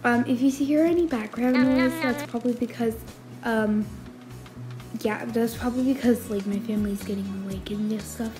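Young woman, high-pitched, sleepy morning voice, soft and low, narrating a game. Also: fairly even intonation, moderate pace, music in the background. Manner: voices the game's characters in short lines. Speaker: game player. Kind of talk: narrating a role-play game.

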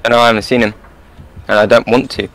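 A man's voice: medium pitch, little pitch movement, fast talker, vocal fry, a bit bright, a little hiss or hum, low-quality recording. A young man bantering casually with a friend while playing a game, teasing and mock-indignant. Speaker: gamer. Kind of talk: casual gaming chat.

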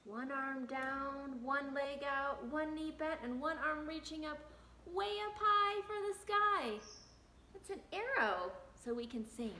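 A woman's voice: high voice, unhurried, pushed and bright. A woman in her thirties teaching preschoolers on video, with a broad, singsong children's-presenter delivery full of simple questions. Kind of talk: children's lesson addressed to young kids. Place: small bare-walled room indoors. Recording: echoey room, faint background noise.

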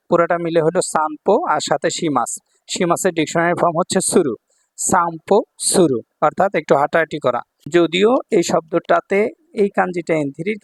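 Male teacher, patient and repetitive, slightly high voice, dry close recording. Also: no echo. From Bangladesh. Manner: patient, repeats words, asks "ঠিক আছে?". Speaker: Japanese language teacher. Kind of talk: explaining kanji lesson.

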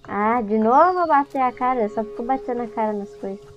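A woman's voice: fairly high pitch, brisk. A young woman with a Brazilian Portuguese accent giving casual, chatty let's-play commentary, easily startled and talking to the game. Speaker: gaming YouTuber. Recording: dull lo-fi sound with game music behind.

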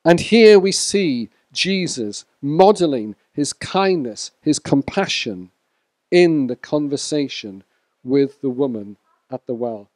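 Slow-speaking male preacher, dry sound. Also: medium pitch, lively intonation, darkish tone, dry recording. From Wales. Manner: measured, speaks to the congregation by name. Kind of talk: sermon. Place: church.

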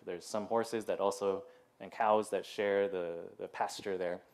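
A man's voice: deep voice, fairly even intonation, a little slow, darkish tone. Man, pastor, casual sermon, chatty, laughing asides, church sanctuary.

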